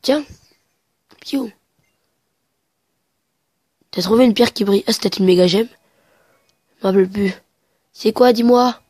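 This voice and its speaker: A woman's voice: medium pitch, a little mellow, no room sound. A woman chatting casually through a let's play, hesitant and stumbling, reading game dialogue aloud while sniffly with a cold. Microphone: headset mic.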